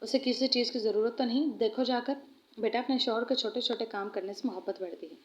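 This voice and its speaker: A fond older mother-in-law who fusses and gently scolds, voiced by a woman in her fairly high voice. The recording is dull and muffled. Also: steady tone, brisk, lightly acted. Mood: fussing. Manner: scolding, affectionate.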